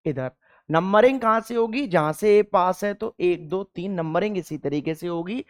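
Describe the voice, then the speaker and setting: A male chemistry teacher lectures his class, posing questions and answering them himself while repeating key terms slowly. His voice is high-pitched and smooth.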